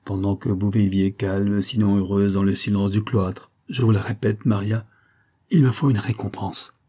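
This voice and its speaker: A bitter old prisoner, as a male reader plays him, pressing his claim with sombre, insistent energy. The voice is low, husky and warm, in a storybook reading. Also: level tone, moderate pace, natural voice.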